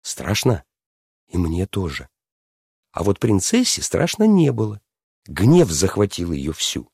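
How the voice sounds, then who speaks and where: A low male voice tells a fairy tale with lively swings in pitch, dropping to a hush at the scary parts. He has a husky texture and stops often to ask his listener questions. The sound is close and dry. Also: slow pace, no echo. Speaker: storyteller.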